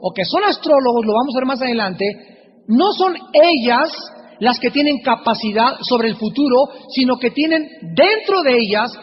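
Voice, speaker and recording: Male preacher, very high voice, deliberate teaching cadence with repetition; dull lo-fi hall recording. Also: expressive. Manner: deliberate, repeats key phrases and slowly sounds out Greek terms. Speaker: preacher teaching a Bible study. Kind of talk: Bible lecture sermon. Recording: dull lo-fi recording in a reverberant hall with faint hiss.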